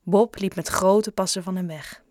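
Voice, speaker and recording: A woman reading a children's novel aloud with clear, steady storytelling narration. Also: medium pitch, moderate pace, dry recording, clean studio sound. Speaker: audiobook narrator. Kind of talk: scripted narration.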